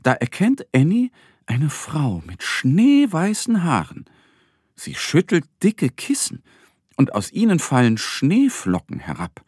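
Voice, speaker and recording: A man narrating a children's story in a slow, gentle, expressive bedtime-reading manner. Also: fairly high pitch, breathy edge, no echo, clean studio sound.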